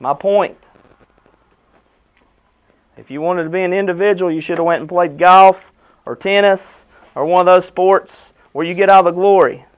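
A middle-aged American basketball coach delivers a motivational pep speech in an indoor locker room, using short emphatic phrases and rhetorical questions. His voice sits high, his pace is moderate with long pauses, and the poor audio comes from a camera a few metres away.

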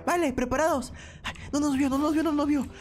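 A woman hosting a gaming video, commenting excitedly to viewers and repeating phrases urgently over background music. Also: sits high, brisk. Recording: music behind the voice.

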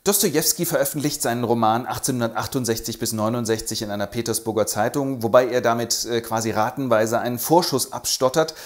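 A man's voice: mid-range voice, fast, few pauses. A man retelling a classic novel in a casual, chatty, informal way, talking straight to his viewers.

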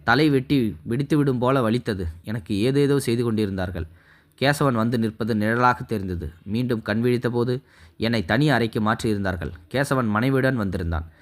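A man narrating a first-person story in a calm, even storytelling manner. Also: medium pitch, normal speed.

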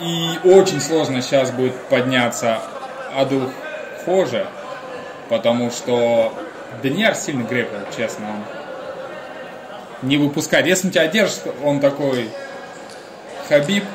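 A man's voice: medium pitch, animated, unhurried, pauses often, crowd noise. A man giving live commentary on a combat sports bout as the lead commentator. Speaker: fight commentator. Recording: roomy echo, music behind.

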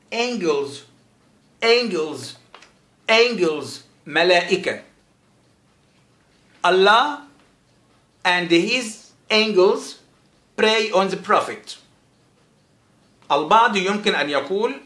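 A man with an Egyptian accent teaching a vocabulary lesson. He says English words very slowly, repeats them, then explains them quickly. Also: sits high, pushed and bright. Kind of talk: vocabulary lesson with slow repetition. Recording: roomy echo.

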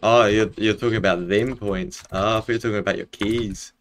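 A man's voice: on the low side, steady tone, a little fast, a little hiss or hum. A young man with a broad New Zealand accent chatting casually on a game stream in a laid-back, matey way, often saying bro. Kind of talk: casual live-stream chat while gaming. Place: bedroom, indoors.

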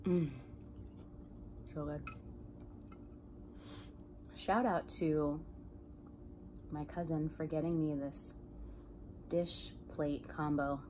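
A woman hosting a mukbang video, chatting playfully and joking between bites, sometimes dropping into soft whispery asides. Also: sits low, fairly even intonation, extremely slow, long pauses, slight background noise. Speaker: host. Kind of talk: casual mukbang chat while eating.

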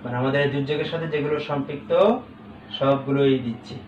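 Man teaching slowly in an echoey room. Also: mid-range voice, fairly even intonation, distant mic, lo-fi sound. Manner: spells out words slowly syllable by syllable, checks in with "ঠিক আছে?". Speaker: English teacher. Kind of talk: recorded classroom lesson. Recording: echoey room, away from the mic, faint background hum.

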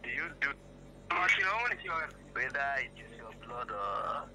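A man's voice: mid-range voice, slow. A middle-aged man, a parent heard over speakerphone, questioning and admonishing. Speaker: father on a phone call. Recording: speakerphone call under music. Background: music.

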